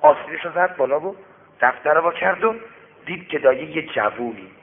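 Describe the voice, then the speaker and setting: Preacher telling a moral tale on radio. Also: male voice, on the high side, gravelly, slight background noise. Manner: lively, addresses listeners directly with warnings. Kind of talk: moralizing sermon storytelling. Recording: tinny radio broadcast with long reverb.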